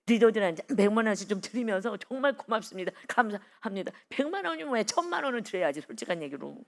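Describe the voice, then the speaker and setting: Emphatic woman preaching, gravelly voice. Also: mid-range voice, big pitch swings, fast. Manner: emphatic, repeats phrases, rising to loud exhortations. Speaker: pastor. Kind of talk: early-morning sermon.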